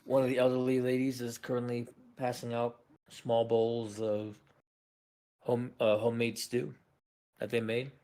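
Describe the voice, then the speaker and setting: A man narrating a tabletop role-play as game master, halting with many fillers and restarts. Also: mid-range voice, level tone, dark tone.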